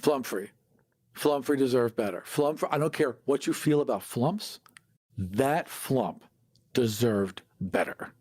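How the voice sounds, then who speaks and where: An American man co-hosts a podcast, chatting casually about tabletop gaming and arguing his points with emphasis. His mid-range voice is slightly mellow and husky at a measured pace. The studio-quality recording has no echo.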